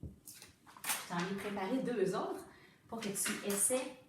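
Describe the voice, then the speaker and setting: Patient teacher sounding words out slowly. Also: female voice, medium pitch, far from the mic, background noise. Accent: Quebec French. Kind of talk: reading lesson for young children. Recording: very echoey room, away from the mic.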